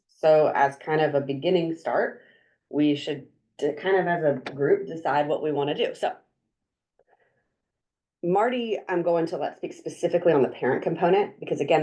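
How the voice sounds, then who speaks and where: Woman w/ a low voice, talking through a meeting, lots of ums and restarts. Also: warm tone. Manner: chatty, upbeat, many fillers and restarts. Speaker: drug council coordinator leading a meeting. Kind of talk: meeting presentation.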